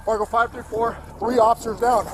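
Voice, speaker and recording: A man's voice: extremely high pitch, little pitch movement, fairly quick, heavy background noise. A male police officer making urgent, clipped calls over a police radio. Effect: police radio transmission.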